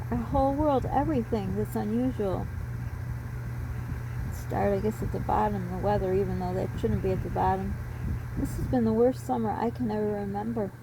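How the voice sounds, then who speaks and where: A middle-aged woman giving an unscripted, reflective personal talk in short, halting phrases. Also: fairly high pitch. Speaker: storyteller sharing personal reflections. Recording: steady noise of a running fan. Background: electric fan running.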